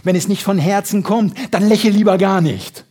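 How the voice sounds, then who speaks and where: A man giving a motivational sales seminar, lively and full of emphasis, acting out little everyday scenes. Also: sits high, normal speed. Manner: lively, shifts loud and soft for emphasis, acts out little scenes. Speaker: sales trainer.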